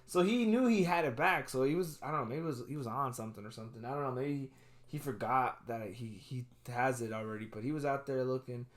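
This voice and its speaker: A young man chats casually on a podcast, spinning loose, profane stories with some Spanish slang mixed in. His voice sits at an ordinary middle pitch. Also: fast. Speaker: podcast co-host. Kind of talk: casual chat.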